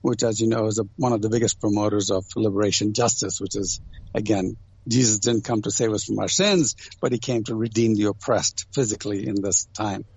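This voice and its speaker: Fairly quick and on the low side, his voice is a little mellow with a breathy edge and fairly even intonation; the recording has no echo and cut-off highs. He's an interview guest shaped by an Indian family upbringing in Ghana and other countries, sharing anecdotes conversationally.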